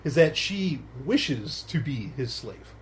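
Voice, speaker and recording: A man's voice: medium pitch, very animated, slow pace, slight background noise. Rambling male podcast host. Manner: rambling, many fillers and restarts, laughs often. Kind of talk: casual podcast chat.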